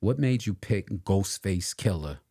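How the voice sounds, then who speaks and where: A very low-voiced man co-hosting a podcast in casual conversation. He talks in an opinionated, emphatic way and repeats his key points slowly to drive them home. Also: lively intonation, vocal fry, warm tone, slightly rough. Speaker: podcast co-host. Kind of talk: casual political and hip hop chat.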